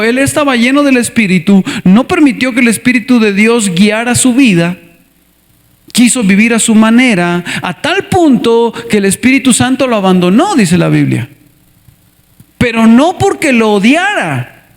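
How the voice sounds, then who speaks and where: A man preaching a sermon as a pastor, animated, acting out little scenes and asking the congregation to answer back. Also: extremely high pitch. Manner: animated, asks the congregation for responses; acts out scenes with character voices. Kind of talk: lively sermon with acted skits.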